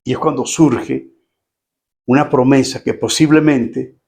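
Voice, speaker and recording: A man's voice: mid-range voice, fairly even intonation, a little slow, gravelly, darkish tone. A middle-aged male pastor preaching a sermon to his congregation in a conversational way, acting out quoted voices and asking the listeners questions. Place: church.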